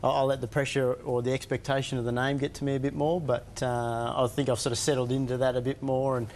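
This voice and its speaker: A young man, a racing driver guest, answering in a relaxed, modest way with many fillers. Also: mid-range voice, quick pace, slight background noise. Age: young adult. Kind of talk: television interview.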